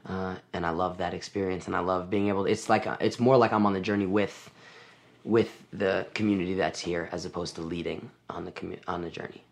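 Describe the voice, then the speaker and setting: A man's voice: deep voice, fairly even intonation, fairly quick, vocal fry. A man in his twenties, a camp song leader, talking thoughtfully in a casual interview. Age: 20s. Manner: thoughtful, talks in restarts.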